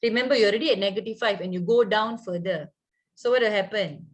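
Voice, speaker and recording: A woman's voice: medium pitch, quick pace. A woman with a Malaysian accent teaching a live maths lesson step by step, colloquial, with local particles and frequent check questions.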